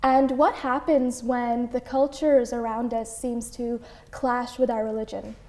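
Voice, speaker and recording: A young woman hosts a community interview with a fairly high but mellow voice. She speaks softly and gently, and she keeps her guest going with quiet murmurs of agreement. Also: little pitch movement, unhurried. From Canada. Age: young adult. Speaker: host.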